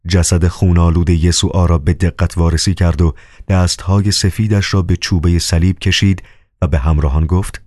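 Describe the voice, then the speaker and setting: A man narrating a novel as an audiobook, with a measured, solemn reading. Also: low voice, fairly even intonation, darkish tone, no echo, clean studio sound.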